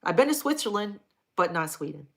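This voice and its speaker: Woman from hawaii on a livestream, lowish voice, blunt and crude, just chatting back to the comments. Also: big pitch swings, brisk, creaky. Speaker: livestream host answering chat. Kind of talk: casual live-stream chat.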